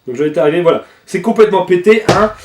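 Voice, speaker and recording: A man's voice: high voice, lively intonation, racing, roomy sound, far from the mic, background noise. A young man hosting a casual manga reaction video, talking informally with lots of fillers and some swearing.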